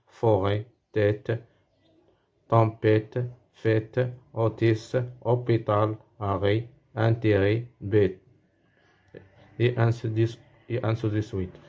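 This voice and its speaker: A man with a Moroccan accent teaches a French spelling lesson to schoolchildren. His voice sits low and he talks very slowly, repeating words and circling back as he explains. The recording sounds dull and lo-fi. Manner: slow, repeats words and restarts while explaining.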